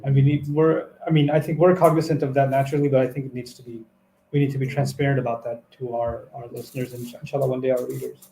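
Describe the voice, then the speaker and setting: A man's voice: mid-range voice, level tone, quick pace, warm tone, roomy sound, low-quality recording. Thoughtful man explaining translation choices. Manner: thoughtful, self-correcting, explanatory. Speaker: co-host discussing a translation. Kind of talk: casual scholarly discussion.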